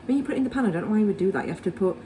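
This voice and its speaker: A young woman from Yorkshire vlogs casually from her kitchen, her medium-pitched voice animated and mellow as she rambles very fast with lots of fillers. The mic is distant, and the recording is echoey with background noise.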